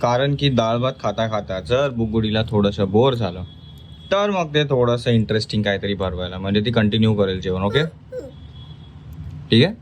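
A man's voice: lowish voice, normal speed, slight background noise. A man vlogging about his family, talking to viewers while firmly coaxing and teaching his small child at mealtime. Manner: coaxing and firm, teaching a toddler.

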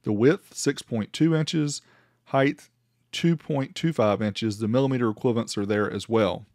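This man's medium-pitched voice has a darkish tone and a moderate pace, captured in studio quality with no room sound. As host of an audio gear review channel, he talks through his tests casually and matter-of-factly, explaining as he goes and reading out the numbers.

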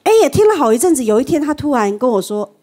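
A woman's voice: high-pitched, racing, noisy background. A woman on a TV talk show panel telling a story and acting out the people in it. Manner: animated storyteller, acts out quoted friends. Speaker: panel guest. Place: TV studio.

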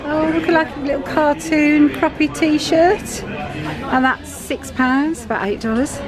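A middle-aged British woman vlogging from a big store, chatting excitedly about items and their prices. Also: sits high, a little slow. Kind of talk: shopping vlog walkthrough. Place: large busy store indoors. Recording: store music and crowd noise behind.

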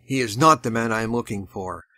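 A grim, vengeful young man, as a male reader puts him on. His voice is low and bright, stern and intense. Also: fairly quick.

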